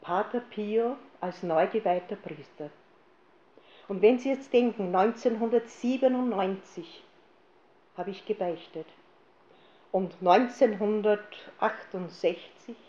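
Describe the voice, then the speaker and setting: A woman with an Austrian German accent gives a personal faith testimony to an audience, telling her story in a lively way and acting out what she once said. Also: mid-range voice, slow pace, reverberant, highs cut off. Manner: lively storyteller who acts out her own past lines. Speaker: speaker giving a testimony.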